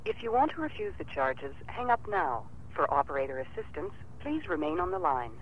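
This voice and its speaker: A woman's recorded operator voice giving an automated collect-call message over a payphone line, measured and clearly enunciated. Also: on the low side, very animated. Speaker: automated phone operator prompt. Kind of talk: recorded phone system announcement. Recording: muffled phone line with faint hiss.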